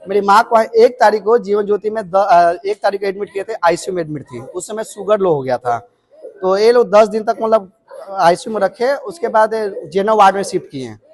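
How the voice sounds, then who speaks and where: A man from Chhattisgarh, India, earnestly recounting a complaint in halting speech to a reporter. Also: high voice. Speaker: patient's son. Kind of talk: interview testimony.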